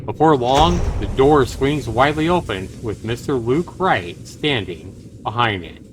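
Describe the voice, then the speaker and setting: Reading game text with a dramatic storyteller's flair, a streaming man breaks off now and then for casual remarks. He speaks at a measured pace in an animated, medium-pitched voice, with the stream's background noise plainly heard.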